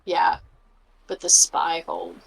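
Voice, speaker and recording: A woman's voice: lowish voice, steady tone, unhurried, vocal fry, slight background noise, low-quality recording. A woman game developer talking casually on a video call. Her connection is choppy, so her voice cuts out in spots. Her volume rises and falls unevenly. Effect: choppy audio cutting out, uneven volume. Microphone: video call microphone.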